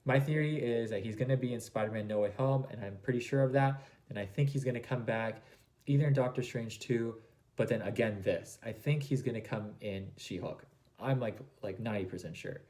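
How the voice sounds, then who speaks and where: A man's voice: mid-range voice, a little fast, darkish tone. A man giving casual, gushing fan commentary as a video host, rambling along with plenty of fillers. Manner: enthusiastic, gushing.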